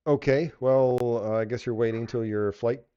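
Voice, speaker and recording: A man running a tabletop game as game master, narrating casually and making it up haltingly as he goes. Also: medium pitch, fairly even intonation, warm tone, clean tone, dry recording. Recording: slightly dull, muffled audio.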